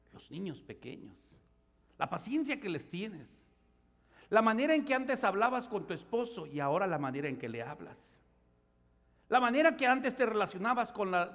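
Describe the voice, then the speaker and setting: A man pastor preaching a sermon, telling stories and acting out the voices, building to loud outbursts. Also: sits high. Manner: storytelling preacher, acts out voices, rises to shouts. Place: church sanctuary. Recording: church hall reverb.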